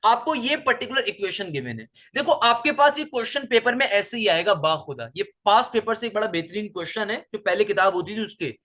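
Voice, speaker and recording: A man's voice: sits high, expressive, brisk, hardly any pauses, pushed and bright. A man giving a maths lecture to students, mixing English terms into his speech, often asking rhetorical questions and repeating key points. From Pakistan. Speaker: maths teacher. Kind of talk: classroom lecture.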